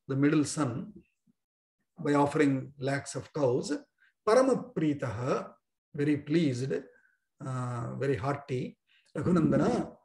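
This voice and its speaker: Heard over a video call in an echoey room, a man with a slightly high, somewhat mellow voice teaches an online scripture class. He explains the verses line by line, uses lots of fillers, and chants them so students can repeat after him.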